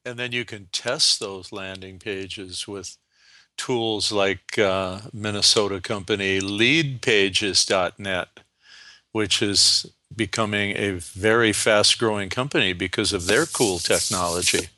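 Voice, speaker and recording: A man's voice: lowish voice, slow, pushed and bright, no room sound. A man co-hosting a casual tech podcast, talking. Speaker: podcast co-host.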